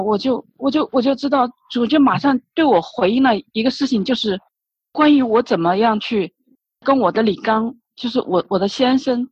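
A woman's voice: on the high side, husky, no echo. A woman giving an emotional personal religious testimony, retelling her prayers with many repeated words and restarts. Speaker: church member giving testimony. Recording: dull lo-fi recording, dry.

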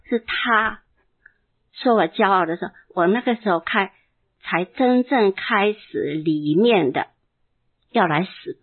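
A woman pastor giving an earnest, emotional personal testimony in a sermon, reading scripture slowly and deliberately. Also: mid-range voice. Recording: tinny phone-like sound.

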